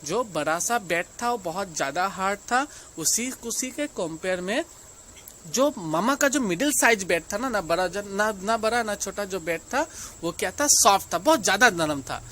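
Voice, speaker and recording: Her mid-range voice is fairly bright, with lively intonation, and there's slight background noise. The teacher, who has an Indian English accent, reads a storybook slowly in English for young children, explaining every part in Hindi.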